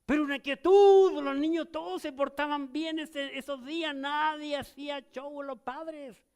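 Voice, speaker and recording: An older man with a Chilean accent preaching a sermon as pastor, moving between loud emphatic lines and low, quiet ones. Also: flat delivery, measured pace.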